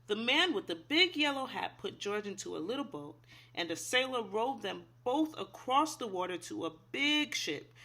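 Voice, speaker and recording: A teacher reads a children's picture book aloud expressively and instructively, asking young listeners simple questions. Her voice is on the high side, pushed and bright, with big pitch swings at a moderate pace.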